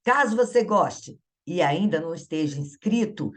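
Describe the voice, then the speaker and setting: A woman's voice: lowish voice, lively intonation, normal speed. A Brazilian woman teaching Portuguese grammar in an exam-prep lesson. She talks in a chatty way, asks the viewer questions and laughs at herself. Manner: upbeat viewer prompts.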